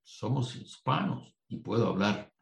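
A man from Puerto Rico preaching a sermon at a conference, animated and digressive, with asides to the audience, in an echoey hall. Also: on the low side, a little slow, creaky.

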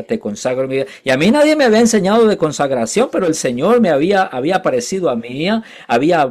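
A male preacher shares his conversion story in a sermon at a medium, ordinary pitch. He talks haltingly, often breaking off and correcting himself mid-word. He keeps turning to his listeners with asides. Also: a little mellow. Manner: halting, with frequent restarts and self-corrections; addresses listeners directly with asides. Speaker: preacher giving his testimony. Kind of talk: sermon with personal testimony.

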